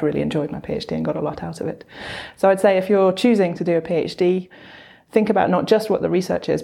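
Low, flat, gravelly woman, quick talk. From Belgium. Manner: quick, earnest, with frequent fillers. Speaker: physicist interviewee. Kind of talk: reflective career interview.

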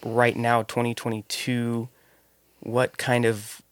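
A man hosting a casual podcast interview, opening with an energetic welcome and then chatting loosely with fillers. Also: mid-range voice, takes it slowly, no echo. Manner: energetic hype intro, then relaxed with fillers. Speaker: podcast host.

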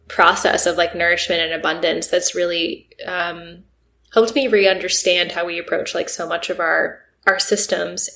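A woman's voice: medium pitch, a bit bright. A woman in her thirties, an herbalist guest, telling a personal story in casual, reflective chat with many "like" fillers. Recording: roomy echo.

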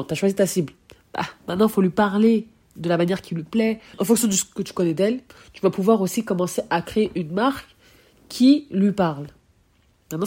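Young woman podcaster, husky voice, super excited, chatty, slips into english a lot. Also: on the low side. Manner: bubbly, excitable, mixes English phrases into French. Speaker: podcast host on branding. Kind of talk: casual solo podcast talk.

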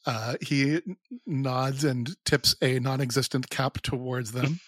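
A man describes his character at a tabletop game in a relaxed way, with plenty of filler words. His voice sits at a middle pitch. The recording is dry and close. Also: unhurried, no echo. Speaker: player.

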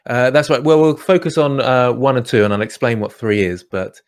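A man answering questions about his drawing course, talking in a hesitant way with many pauses and restarts. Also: medium pitch. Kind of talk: live online Q&A.

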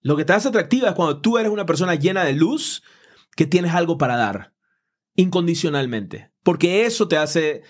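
A man's voice: fairly high pitch, animated, normal speed. A man, a spiritual teacher explaining ideas in a casual chat with earnest, everyday comparisons.

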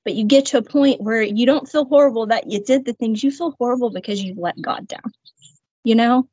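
A woman guest speaks openly about her faith in a slightly high voice with a breathy edge. Her manner is earnest and reflective, lightened by soft laughs. The recording is dry and a bit dull in tone. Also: brisk, no echo. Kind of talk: candid personal testimony. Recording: slightly muffled, dry sound.

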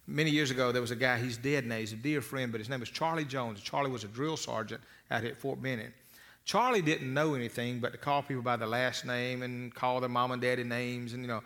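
A man giving a motivational talk to an audience, folksy and storytelling, often repeating words as he restarts a phrase. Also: mid-range voice. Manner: storytelling with lively asides. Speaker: motivational speaker.

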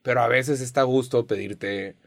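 Slangy man, animated chat. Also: medium pitch, normal speed, gravelly, no echo, studio quality. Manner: animated, heavy slang and swearing. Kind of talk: casual chat.

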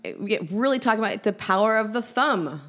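A woman educator, a guest on a podcast interview, explaining with energetic, animated storytelling. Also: mid-range voice, fast talker.

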